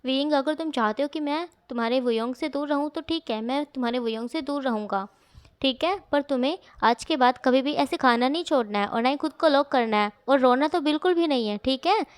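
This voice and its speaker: A woman voicing a gentle, caring father who speaks soothingly. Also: high-pitched, brisk, clean tone, dry recording, close to an everyday voice. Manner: soothing, reassuring.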